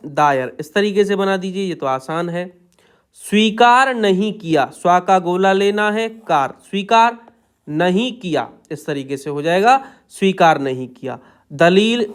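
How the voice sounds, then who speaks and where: Male shorthand teacher, slow dictation. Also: high-pitched, clean tone. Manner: slow, drawn-out dictation of words; repeats set phrases while writing. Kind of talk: step-by-step tutorial.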